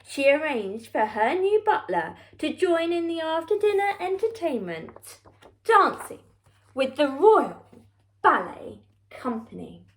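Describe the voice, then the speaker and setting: In a high, very animated voice, a woman narrates a children's story slowly, like a scripted storybook reading. She leans on key words with theatrical emphasis, and the recording is rough.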